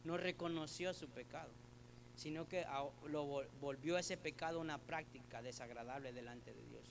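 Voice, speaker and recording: High-voiced earnest male preacher. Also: moderate pace, creaky, background noise. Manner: addresses listener as brother, asks rhetorical questions; earnest, repeats words while searching for phrasing. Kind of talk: sermon.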